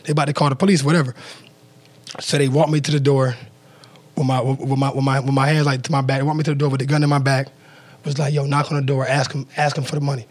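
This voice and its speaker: Fast-talking man retelling a story. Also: mid-range voice, flat delivery. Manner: rapid, loose retelling with many "like" fillers and acted-out quotes. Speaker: interview guest, former pro football player. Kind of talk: casual storytelling.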